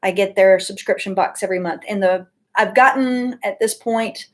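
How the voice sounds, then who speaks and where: A woman's voice: medium pitch, moderate pace. A woman giving a casual weekly oracle card reading from her home office, chatty and full of ums and asides. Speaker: tarot and oracle card reader.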